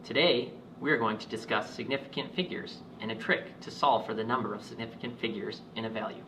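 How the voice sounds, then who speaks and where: A man hosting and narrating a scripted chemistry lesson, explaining step by step in a clear, measured way. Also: lowish voice, loud music behind the voice, rough recording. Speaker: chemistry teacher, host.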